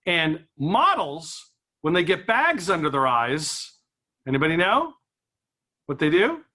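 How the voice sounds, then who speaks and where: Bright, high-voiced stand-up comedian. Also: male voice, unhurried. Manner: self-deprecating, animated storytelling with acted-out inner voices. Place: small event room with a live audience.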